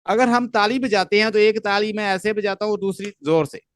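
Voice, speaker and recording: A man's voice: high voice, steady tone, normal speed, smooth. A man with a Pakistani accent giving an online literature lecture, explaining step by step, repeating points and mixing English terms into his speech. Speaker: literature teacher.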